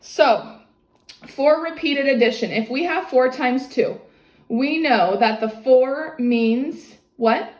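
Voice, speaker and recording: Speaking slowly in a high, slightly mellow voice, a maths teacher guides a child through a private lesson. Her step-by-step explanations are encouraging, with regular checks that the child follows, and the sound is echoey and roomy.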